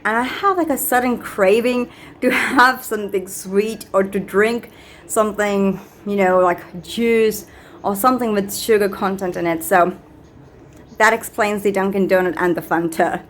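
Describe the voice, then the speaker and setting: A woman narrates a casual handheld vlog as she tours a hotel. She speaks slowly and haltingly, in an unscripted, chatty way. Faint ambient noise of the hotel sits behind her voice. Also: medium pitch. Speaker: vlogger touring a hotel. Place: small hotel room, later the hotel lobby, corridors and elevator. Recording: noisy handheld recording with background ambience.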